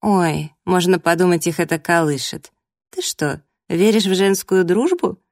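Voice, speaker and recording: A woman's voice: lowish voice, lively intonation, a little slow, a little mellow, dry recording, studio quality. A woman voicing a haughty, mocking young woman, the jealous ex-fiancée in an audiobook, who talks down with sneering sarcasm. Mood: condescending. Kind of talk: audiobook character voice.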